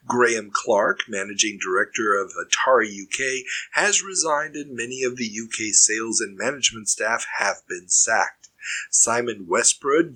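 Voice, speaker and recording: A man hosting a podcast, reading news items aloud and then chatting about them in a relaxed way. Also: mid-range voice, low-quality recording. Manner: reads headlines, then riffs conversationally. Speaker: podcast host.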